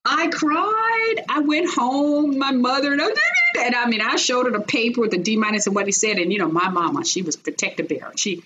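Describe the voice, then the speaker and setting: A woman's voice: mid-range voice, quick pace, hardly any pauses, a little hiss or hum. Earnest woman telling her life story. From Chicago, US. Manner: animated, earnest storytelling with restarts. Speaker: guest. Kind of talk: personal storytelling interview.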